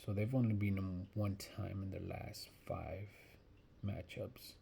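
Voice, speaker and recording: Slow, gravelly-voiced man thinking aloud. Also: low-pitched, fairly even intonation, warm tone, slight background noise. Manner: thinks aloud, hesitant with frequent restarts. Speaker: sports betting vlogger. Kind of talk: casual soccer prediction talk.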